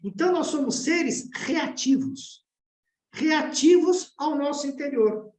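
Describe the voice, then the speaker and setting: Lively Brazilian woman teaching a class. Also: high-pitched. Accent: Brazilian Portuguese. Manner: engaging, addresses the class directly with questions. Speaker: class presenter. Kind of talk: explanatory study-group lesson. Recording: roomy echo.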